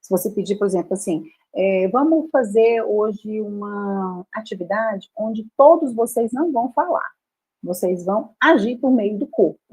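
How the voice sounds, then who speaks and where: A woman's voice: medium pitch, lively intonation, normal speed, dark tone, breathy edge, low-quality recording. A woman with a Brazilian accent, a speech therapist explaining her work in a live conversation, often adding tag questions.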